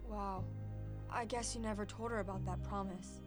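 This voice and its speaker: An actress playing an earnest, brave young superheroine in a children's action series. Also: female voice, medium pitch, fairly even intonation, moderate pace, music in the background, natural voice. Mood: friendly, sincere.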